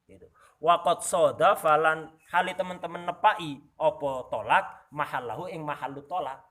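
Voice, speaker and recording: Indonesian teacher. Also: male voice, on the high side, moderate pace, bright, forceful tone. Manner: explains and asks the class "Paham ya?"; mixes in Arabic text and Javanese asides. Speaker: religious teacher. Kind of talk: kitab study lesson.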